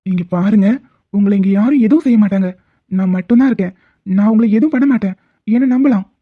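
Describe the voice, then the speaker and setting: A woman's voice: mid-range voice, quick pace, lightly acted. Woman as firm, protective male doctor, cartoon drama, tinny phone-like sound. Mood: firm reassuring. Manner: reassuring, firm. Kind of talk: cartoon voice acting.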